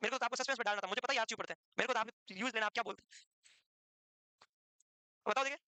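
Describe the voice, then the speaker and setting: A male teacher lecturing his class in a brisk, scolding, teasing way. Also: very high-pitched, sharp tone, clear, resonant tone, dry recording.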